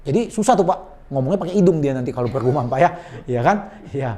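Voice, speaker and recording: A sales and body language trainer with a warm, mid-range voice talks fast with lively intonation. In an emphatic, conversational coaching style, he explains communication tips and politely adds "Pak" to many sentences. He acts out sample phone greetings in a changed voice.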